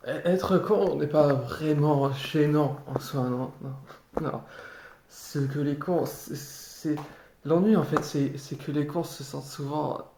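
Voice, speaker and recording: A man with a fairly high voice delivers an improvised theatrical tirade at a slow pace. He is sardonic and mock-polite, often pausing and repeating words. The recording is echoey. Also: darkish tone. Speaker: amateur actor improvising a monologue. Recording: roomy echo, clearly noisy background, clicks.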